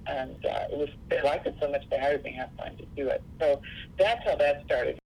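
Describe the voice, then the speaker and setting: A woman's voice: very deep voice, moderate pace, creaky, a little mellow, slight background noise, rough recording. A woman from Seattle, speaking as an interview guest in an earnest, reflective way. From Seattle, USA. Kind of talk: interview conversation.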